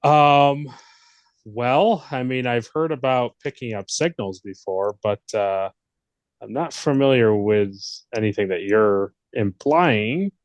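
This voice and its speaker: A man playing a calm Vulcan crewman. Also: mid-range voice, takes it slowly, no room sound, natural voice. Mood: evasive.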